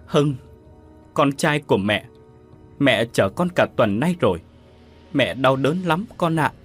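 A man's voice: mid-range voice, lively intonation, takes it slowly, soft background music. A man voicing the sobbing ghost of a murdered mother in a storybook horror tale. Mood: mournful. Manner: sobbing, mournful.

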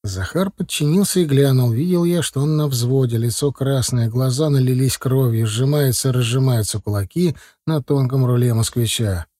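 A man reading a first-person audiobook in calm, measured narration. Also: medium pitch, no echo, studio quality.

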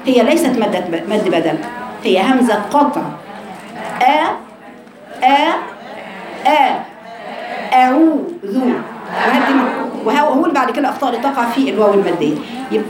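A woman with an Egyptian accent teaching Quran recitation to a class of women, correcting mistakes and drilling sounds with repeated drawn-out syllables. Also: fairly high pitch, expressive. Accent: Egyptian Arabic. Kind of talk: tajweed lesson to a class. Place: room with a group of women students. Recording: echoey room with crowd chatter.

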